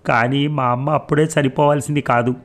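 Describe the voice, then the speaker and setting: A man's voice: mid-range voice, level tone, brisk, voice pushed up, natural voice. A man voicing a flustered, awkward young man in a novel reading. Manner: flustered, plaintive.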